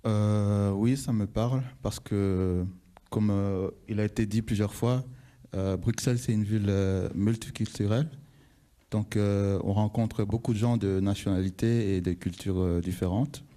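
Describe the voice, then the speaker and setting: A young man from Congo speaks as a radio guest in a very dark, somewhat low voice. He hesitates often, filling gaps with fillers and restarting sentences. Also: steady tone, unhurried. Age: young adult. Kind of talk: radio panel discussion.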